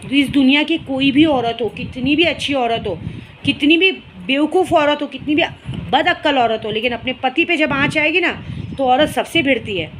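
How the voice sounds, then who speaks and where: A woman's voice: high-pitched, moderate pace, a bit bright. A young woman speaking straight to the viewer, confronting and scolding a rival in a heated, emotional monologue, with faint noise behind her. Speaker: vlogger addressing a rival. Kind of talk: emotional direct-to-camera monologue.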